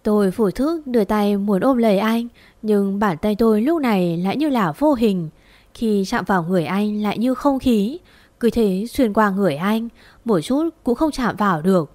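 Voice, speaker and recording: A woman's voice: mid-range voice, animated, normal speed, darkish tone, no echo. Mournful woman narrating a story. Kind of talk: first-person audio story narration.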